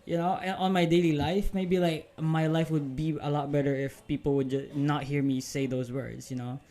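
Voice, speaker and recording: A man's voice: fairly high pitch, little pitch movement, normal speed, dark tone. A male podcast host chatting casually, giving short replies and questions. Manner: brief backchannel replies. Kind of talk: casual conversation.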